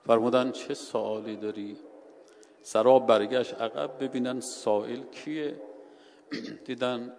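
A man telling a story in a sermon, shifting between hushed and loud, dramatic delivery. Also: mid-range voice, fairly even intonation, long pauses. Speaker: preacher. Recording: hall reverb with faint ambient noise.

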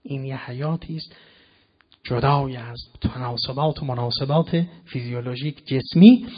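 A man preaching a sermon to an audience in a hall, explaining step by step and reciting Quranic verses slowly and deliberately. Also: medium pitch, husky, muffled recording. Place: lecture hall with a live audience.

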